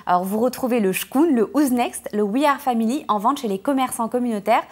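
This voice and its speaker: A woman's voice: on the high side, a little fast, darkish tone. A woman presenting a segment of local business adverts on a talk show. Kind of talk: reading ad announcements.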